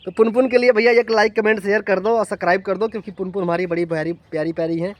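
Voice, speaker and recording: A man's voice: high-pitched, steady tone, fast. Playful Indian man with a lilt. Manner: playful, affectionate toward his dogs, coaxing and teasing. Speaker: vlogger. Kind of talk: casual vlog talk. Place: outdoors in the desert with dogs.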